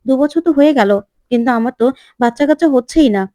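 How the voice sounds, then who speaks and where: A woman's voice: sits high, very fast, warm tone, no echo, natural voice. A woman voicing a nosy, prying young married woman in a retold TV serial, asking pushy, coaxing questions.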